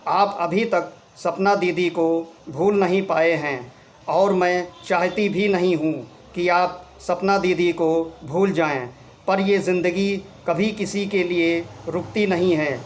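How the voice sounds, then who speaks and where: A man voicing a young wife who gently apologises and says goodbye in a farewell letter. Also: on the low side, steady tone, slow pace, a little hiss or hum. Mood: sorrowful. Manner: soft, apologetic, resigned.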